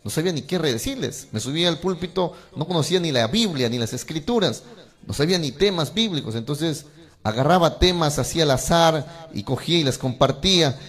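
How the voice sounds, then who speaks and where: A man's voice: a little high, expressive, fairly quick, fairly bright tone. A man, a pastor, telling his own story in a sermon and speaking earnestly to fellow pastors. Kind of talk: sermon testimony.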